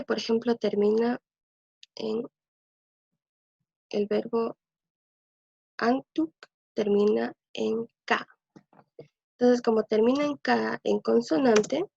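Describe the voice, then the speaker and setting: A woman teaching a language lesson, explaining patiently and thinking aloud, repeating words slowly so they can be copied. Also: a little high, steady tone, creaky, dark tone, slightly rough, no room sound. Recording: dull lo-fi dry recording.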